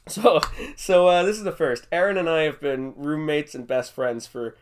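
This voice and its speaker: A man's voice: on the high side, steady tone, moderate pace, smooth. A young man hosting a casual podcast, rambling through jokey stories and laughing often. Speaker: podcast host. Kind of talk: casual chat.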